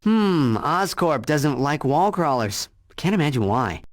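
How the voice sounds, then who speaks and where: A man's voice: a little high, very animated, unhurried. A man playing a young, breezy superhero who trades flippant, sarcastic quips in a video game. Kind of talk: video game cutscene acting.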